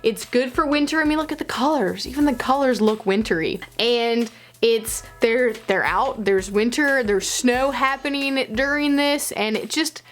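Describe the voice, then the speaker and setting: A young adult woman hosts a book vlog, chatting casually to camera with informal emphasis and playful asides. Her voice sits on the high side, and she talks a little slowly.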